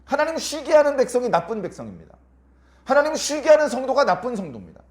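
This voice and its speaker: Animated male pastor preaching in an echoey church. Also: extremely high pitch, fast talker. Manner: animated preaching with rhetorical questions and acted-out quotes. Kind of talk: Sunday sermon. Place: church sanctuary.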